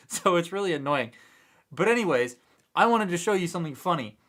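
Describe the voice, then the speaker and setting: A man hosts a casual toy review livestream, chatting to viewers while building a kit, rambling with lots of fillers and still a little congested from a cold. His voice is high and a bit bright, with lively intonation at normal speed. A desk mic sits close by.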